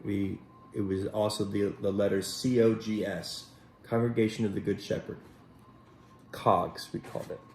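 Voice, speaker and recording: In a lowish voice with a steady tone, a man gently reads a Bible story to children without rushing, pausing to address them directly as a Sunday school teacher. A little hiss or hum is audible.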